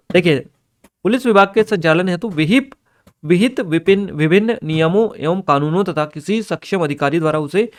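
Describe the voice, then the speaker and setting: A man with a somewhat high voice gives an exam paper analysis lesson, reading each question aloud from his notes and then explaining the answer in an instructional way. Now and then he checks that his listeners are keeping up.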